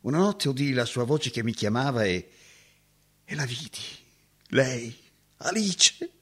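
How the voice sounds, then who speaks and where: A man's voice: mid-range voice, animated, unhurried, husky. A man playing a heartbroken, haunted woodsman. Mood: mournful. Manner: emotional, swinging from hushed recollection to anguished cries. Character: heartbroken former woodsman haunted by lost love. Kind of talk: dramatic acting.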